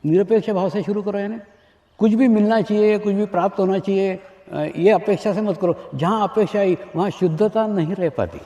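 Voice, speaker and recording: A man's voice: high voice, moderate pace, dark tone. A man, a spiritual teacher, giving a discourse to an audience, repeating his phrases and asking rhetorical questions. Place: large hall with an audience. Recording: echoey hall, dull lo-fi archive recording.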